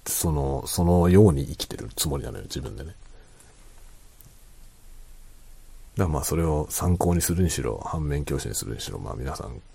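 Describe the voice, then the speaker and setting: Quiet, very deep, gravelly man. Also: animated, unhurried, pauses often. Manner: quiet, low-voiced night-time talking; musing, repeats his phrases. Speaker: host of a solo talk show. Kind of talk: casual late-night monologue chat.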